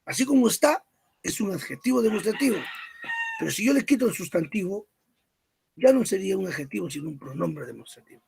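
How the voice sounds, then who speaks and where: A man's voice: high voice, animated, fairly quick, vocal fry, a little mellow, a little hiss or hum. A man teaching a grammar lesson, who asks questions, answers them himself and repeats word lists.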